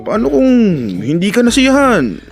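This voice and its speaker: An actor playing an insecure young boyfriend in a radio drama, talking in a lively, pleading way. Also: male voice, very high voice, moderate pace, vocal fry, soft background music, full character voice.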